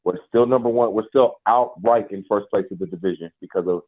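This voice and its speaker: A man's voice: on the low side, fairly quick. A man calling in to a sports radio show over a phone line, venting in a casual, emphatic way. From Nashville area, US South. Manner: emphatic, frustrated fan venting. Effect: caller heard over a phone line. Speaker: call-in radio caller. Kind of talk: casual call-in sports talk.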